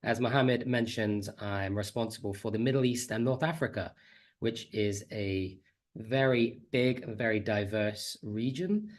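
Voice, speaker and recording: A man with a lowish voice and a slight cold speaks at a measured pace, giving an online conference talk as a teacher trainer. He sounds friendly, chatty and self-deprecating, recorded on a computer mic over a video call.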